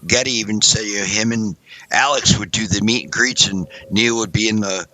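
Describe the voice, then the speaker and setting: A man's voice: lowish voice, fairly quick, pushed and bright. A man co-hosting a casual podcast, talking in long rambling sentences full of hedges. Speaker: podcast co-host.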